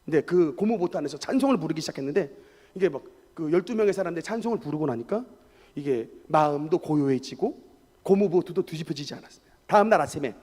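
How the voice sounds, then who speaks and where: A male pastor delivers an animated sermon in a strikingly high voice that swoops up and down. He tells personal anecdotes with emphatic energy. The recording carries the long, echoing reverb of a church sanctuary. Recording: echoey church hall.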